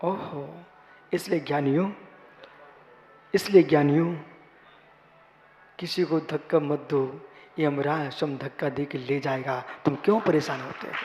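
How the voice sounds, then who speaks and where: A man, a Jain monk, giving a sermon, repeating his phrases and building to loud, emphatic exhortation. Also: a little high, fairly even intonation, a little slow, pauses often, muffled recording. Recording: reverberant hall.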